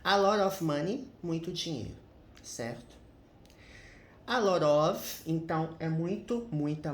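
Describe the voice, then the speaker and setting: A man's voice: fairly high pitch, reverberant, slight background noise. A man teaching English grammar in a casual, chatty way, often adding little tag questions as he explains.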